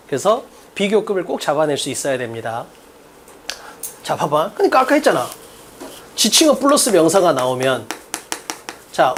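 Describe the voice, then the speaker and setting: A man teaching an exam-prep English lesson, drilling students with quick rhetorical questions and emphatic repetition. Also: on the high side, breathy edge. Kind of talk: recorded exam-prep lecture.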